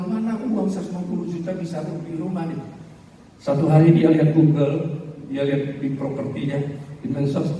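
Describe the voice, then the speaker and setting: Preacher man in an echoey hall. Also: fairly high pitch. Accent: Indonesian. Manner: animated, swings from shouting to hushed. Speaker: pastor. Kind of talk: sermon with storytelling. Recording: echoey hall, from far off, faint noise.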